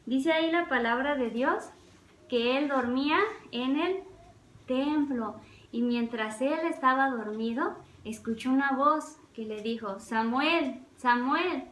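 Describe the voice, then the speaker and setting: A woman's voice: sits high, unhurried, a bit bright, echoey room, low-quality recording. A woman Sunday school teacher telling a Bible story to children, talking to the listener directly and asking them questions.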